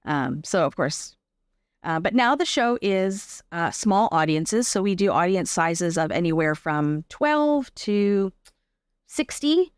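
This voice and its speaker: The Canadian artist and accessibility advocate talks slowly here, her fairly low voice smooth but swinging widely in pitch. As an interview guest, she explains her work conversationally and keeps checking in with the listener, and there's no echo.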